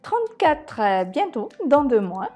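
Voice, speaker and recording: A woman's voice: high-pitched, sing-song, measured pace, warm tone, faint music behind. Chatty French-speaking woman in her thirties. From Mauritius. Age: 30s. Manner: chatty, frequent hesitations, self-mocking laughs. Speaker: hair care vlogger. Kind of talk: casual vlog presentation.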